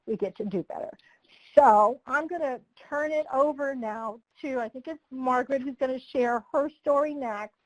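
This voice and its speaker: A woman and former prosecutor telling a personal story in a training webinar, acting out the dialogue in a lively way. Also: a little high, no echo, poor audio.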